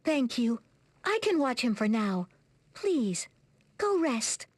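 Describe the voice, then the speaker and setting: A woman voicing a gentle, polite young French-speaking heroine in a video game, expressive in her delivery. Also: fairly high pitch, slow pace, husky, no echo, full character voice. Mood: caring, relieved. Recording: game dialogue over prominent music.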